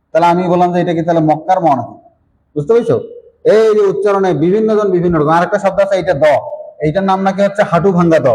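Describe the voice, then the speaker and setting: A male teacher talks fast through a grammar lesson in a slightly high voice, often asking whether his students follow. Faint background noise sits under his voice. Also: darkish tone, poor audio. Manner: explanatory, checks understanding often. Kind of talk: online Bengali grammar class.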